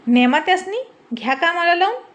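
A woman voicing a bossy, quick-witted village man who orders hotel staff around, scolding and teasing in a commanding tone. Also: extremely high pitch, very animated, voice pushed up. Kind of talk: storybook reading with character voices.

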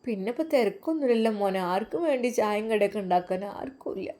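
A woman voicing a gentle, pious elderly widowed mother who speaks softly and tenderly. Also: on the high side, expressive, fast, lightly acted. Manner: soft, tender, comforting.

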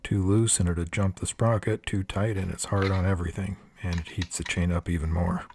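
A man's voice: low-pitched, level tone, a little fast, creaky, background noise. An older man giving a hands-on tool review in a plain-spoken, practical way with dry asides. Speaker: product reviewer. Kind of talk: hands-on product review narration. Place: workshop table.

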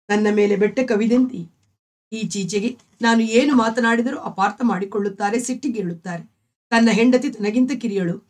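A woman voicing a gentle, devout young wife and mother who pleads in sorrow. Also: mid-range voice, close to an everyday voice.

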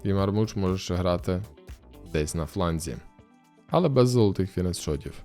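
Chatty young man with a low voice. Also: moderate pace, faint music behind. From Ukraine. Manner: chatty, muses aloud, excited outbursts. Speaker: streamer. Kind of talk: casual gameplay commentary.

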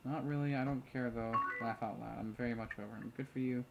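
A man's voice: medium pitch, steady tone, fast talker, creaky, lo-fi sound, loud music behind the voice. A man casually commentating a chat game, reading messages aloud, muttering asides and swearing freely. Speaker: let's play host. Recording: loud keyboard typing behind. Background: keyboard clicks and typing.

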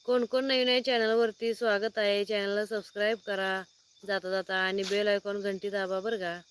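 On a nighttime phone live stream, a woman farmer from Sangli district, Maharashtra, chats while seated outside under a light, calling out viewers' names one by one in greeting. Her medium-pitched voice stays level at a moderate pace, with a little hiss or hum in the audio.

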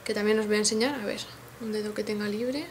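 A woman's voice: medium pitch, quick pace, a little hiss or hum. A woman with a Spain Spanish accent, a beauty vlogger showing off makeup in a casual haul video, gushing and talking straight to her viewers. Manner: gushing, excitable, addresses viewers directly.

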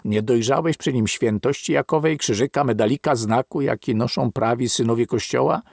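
A man reading an audiobook, voicing a superstitious, wary old grandfather who grumbles and mutters slowly. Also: mid-range voice, vocal fry, darkish tone, dry recording, clean studio sound. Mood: suspicious.

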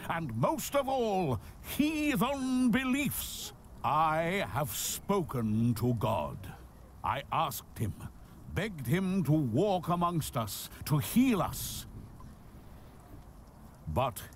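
A man's voice: mid-range voice, a little hiss or hum. A solemn, zealous churchman. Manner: grave, solemn proclamation. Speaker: churchman addressing a congregation. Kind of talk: sermon-like address.

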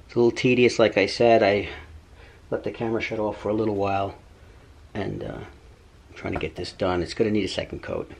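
A man's voice: on the low side, lively intonation, a little fast, creaky, long pauses, slight background noise. A middle-aged man hosting a casual DIY vlog, chatting easily and joking as he works on a staircase in his home.

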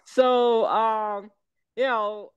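An older woman from the American South, a guest chatting over a video call, talking slowly and wandering with many fillers and restarts. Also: on the high side, steady tone, clear, resonant tone, no room sound, lo-fi sound. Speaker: guest, syrup maker.

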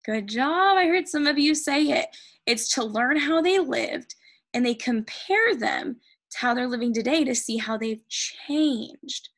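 An American woman teaching a recorded reading lesson to children, reading the text aloud slowly and then explaining it with enthusiasm. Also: high-pitched, lively intonation, a bit bright.

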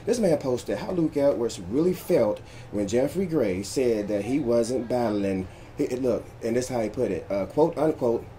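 A man's voice: mid-range voice, expressive, normal speed, hardly any pauses, warm tone, slight background noise. A man hosting a casual commentary vlog, joking loosely and reading posts aloud. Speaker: vlog host recapping battle rap drama.

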